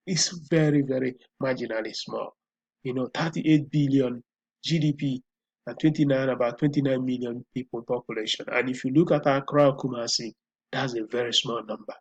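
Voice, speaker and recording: A man with a Nigerian accent hosts a solo commentary show, thinking out loud and often repeating himself or restarting. His voice is husky and medium in pitch.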